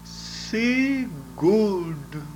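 A man with a high voice recites a devotional message at an extremely slow, drawn-out pace. He sounds like a spiritual teacher, solemn and deliberate, with every word carefully placed. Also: big pitch swings, a little mellow, slight background noise.

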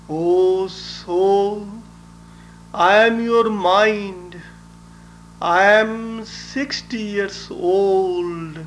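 A man speaking as a spiritual teacher, delivering a solemn, measured devotional message. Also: high-pitched, a little hiss or hum. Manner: solemn, measured, deliberate recitation.

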